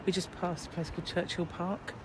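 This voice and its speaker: A British woman narrates a travel vlog outdoors in a casual, rambling way. She is chatty and slightly hesitant, with clear city noise around her. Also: lowish voice, level tone, fairly quick. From Britain. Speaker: travel vlogger. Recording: noisy outdoor city recording.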